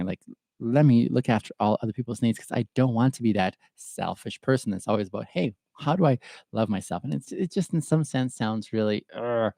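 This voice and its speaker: Gravelly, mellow-voiced man hosting reflectively. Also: mid-range voice, no room sound. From Ethiopia. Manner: thoughtful and halting, with pauses and fillers. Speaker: podcast host answering viewer questions. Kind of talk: reflective solo livestream talk.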